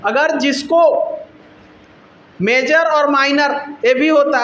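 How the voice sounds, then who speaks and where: High, bright-voiced teacher quizzing himself. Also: male voice, slight background noise. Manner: repeats questions and answers them himself. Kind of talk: classroom lecture. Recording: roomy, dull lo-fi sound.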